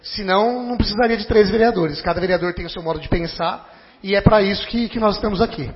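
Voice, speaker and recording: A man with a Brazilian Portuguese accent, speaking as a city councilman in a formal debate, halting and argumentative, often repeating words. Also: sits high, a little hiss or hum. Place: council chamber. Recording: dull lo-fi recording with long chamber reverb.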